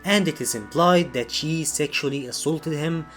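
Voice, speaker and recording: Serious male narrator over soft music. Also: on the high side, moderate pace. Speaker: video essay narrator. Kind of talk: scripted narration.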